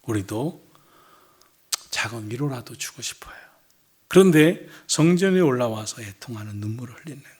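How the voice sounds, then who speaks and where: A middle-aged man preaching an evening church sermon as senior pastor, earnest, dropping to hushed lines and rising to loud emphatic ones. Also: mid-range voice, slightly rough.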